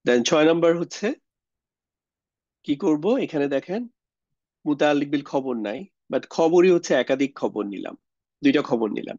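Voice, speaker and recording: A man's voice: a little high, normal speed, pauses often, a little mellow, dry recording, highs cut off. A young man teaches a grammar lesson, explaining step by step, mixing in English words and asking rhetorical questions. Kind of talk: lecture on Arabic grammar.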